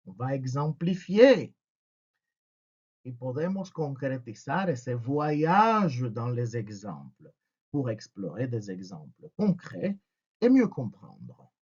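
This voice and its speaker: A man's voice: mid-range voice, darkish tone, husky, lo-fi sound. A man teaching a French lesson with humor, asking and answering his own questions.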